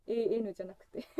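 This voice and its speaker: Giggly high-voiced woman chatting on stream. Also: mellow, no echo. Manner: chatty and giggly, breaks into frequent laughter, voice jumping high. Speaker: livestream host opening fan gifts. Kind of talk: casual solo livestream chat.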